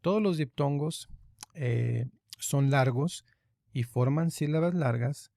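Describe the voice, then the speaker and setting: A man with a low, gravelly voice walks through grammar rules in a patient online lesson, pausing often with small fillers. His tone is dark and mellow, and the sound is close and dry. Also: no echo. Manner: patient, explains step by step with frequent fillers. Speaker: teacher. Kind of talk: online lesson on Greek accents.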